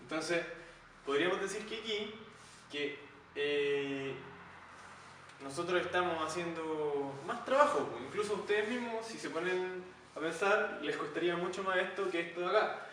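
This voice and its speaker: Casual physics tutor, male, slightly high voice, thinks out loud, recorded far from the mic in a very echoey room with faint hiss. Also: moderate pace. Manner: thinks aloud with fillers and rhetorical questions. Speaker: physics teacher. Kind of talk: casual explanatory lesson.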